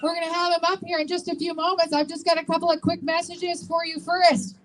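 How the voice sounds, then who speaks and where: Lady emceeing a rally, high voice, informal announcements, encouraging, asks the audience stuff. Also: little pitch movement, brisk, noisy background. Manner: encouraging, engaging the crowd with questions. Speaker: rally host and volunteer organizer. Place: public rally, speaking to an audience.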